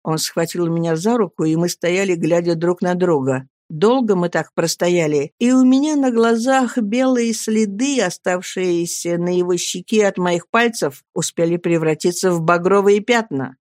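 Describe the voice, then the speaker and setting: A man narrating a first-person novel as an audiobook, in a lively, emphatic storytelling manner. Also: high voice, moderate pace, few pauses, no echo, clean studio sound.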